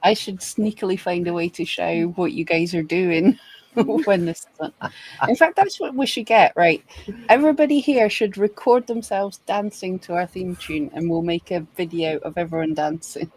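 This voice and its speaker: A woman with a Scottish accent co-hosting a live webinar in casual chat, quick with asides and laughing often. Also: on the low side, darkish tone, rough recording. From Scotland. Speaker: webinar co-host.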